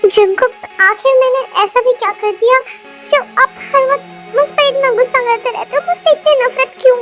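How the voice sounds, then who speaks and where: A woman's voice: extremely high pitch, level tone, unhurried, darkish tone, faint music behind. A woman voicing a hurt young wife. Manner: pleading, tearful.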